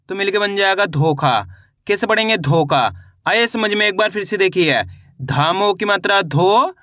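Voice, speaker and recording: Man, reading teacher, high and bright voice, dry close sound, sounds out syllables slowly and deliberately. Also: dry recording. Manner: slow and deliberate, sounding out syllables then repeating each word. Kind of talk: spelled-out reading lesson.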